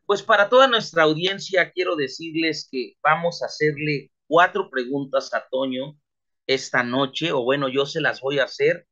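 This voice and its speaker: A man's voice: a little high, normal speed, sharp tone. A man hosting a church livestream interview, asking emphatic questions to his guest. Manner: emphatic, addresses the guest as "querido amigo". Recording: dull lo-fi sound.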